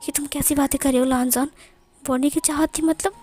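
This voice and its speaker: A woman's voice: high voice, fairly even intonation, brisk, darkish tone, faint music behind, lightly acted. A woman voicing a frightened young man who stammers and pleads in a storybook reading. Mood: fearful.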